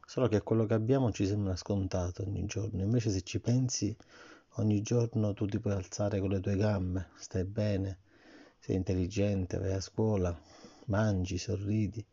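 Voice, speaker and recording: Gravelly low-voiced father, dull lo-fi sound. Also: fairly even intonation, normal speed. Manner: patient, gentle questioning. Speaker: father reading to his son at bedtime. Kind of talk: bedtime reading and chat. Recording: dull lo-fi recording.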